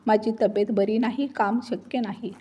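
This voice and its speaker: A woman voicing a sharp-tongued older mother-in-law who scolds and taunts her daughter-in-law in a storybook reading. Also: medium pitch, steady tone, normal speed, slightly rough, close to an everyday voice. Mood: scolding.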